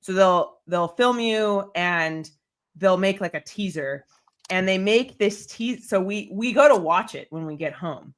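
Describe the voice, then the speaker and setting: A woman's voice: medium pitch, a little slow. A woman hosting a casual sports podcast, telling a rambling story with lots of fillers. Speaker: podcast host.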